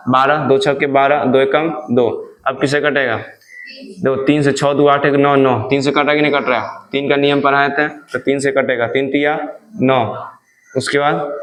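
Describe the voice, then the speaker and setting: A man's voice: medium pitch, fairly bright tone. A male maths teacher, giving a classroom lesson and asking questions he answers himself. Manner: asks questions and answers them himself, repetitive drilling. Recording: echoey room.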